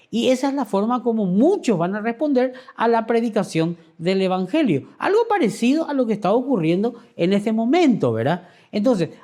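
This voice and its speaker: A man's voice: high-pitched, darkish tone. A man preaching a sermon as pastor, explaining scripture and often checking in with the listeners with a rhetorical question.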